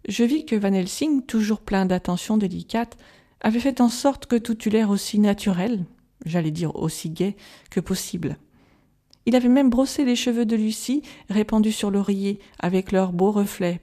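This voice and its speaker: A woman reading a gothic novel aloud as an audiobook, calm and measured, softly voicing the quoted lines. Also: mid-range voice. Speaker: audiobook reader. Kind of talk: scripted narration of a gothic novel.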